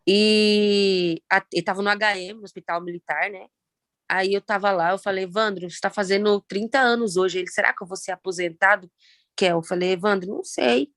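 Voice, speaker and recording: A Brazilian woman in her thirties with a Brazilian Portuguese accent, telling her own story of loss in a halting, reflective way with many pauses and fillers. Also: mid-range voice, fairly even intonation, a bit bright, no room sound. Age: 30s. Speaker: guest sharing personal story. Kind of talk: emotional personal testimony.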